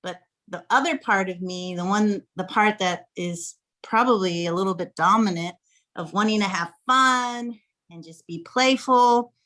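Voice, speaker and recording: A lively woman in her thirties from Texas talks as a podcast guest. She is animated and playful, with frequent laughter running through her casual chat. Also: mid-range voice, a little slow. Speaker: podcast guest, flirt coach.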